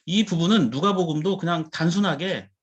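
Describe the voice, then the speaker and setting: A man's voice: a little high, fairly quick, husky, dull audio. A male pastor preaching a sermon, explaining Bible words and putting questions to the congregation.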